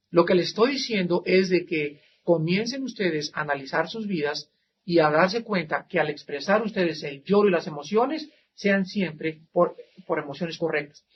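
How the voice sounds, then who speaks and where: A man preaching a sermon as a pastor, emphatic and dramatic, swinging from loud to soft. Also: high voice. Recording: slightly dull archival sermon recording, faint hiss.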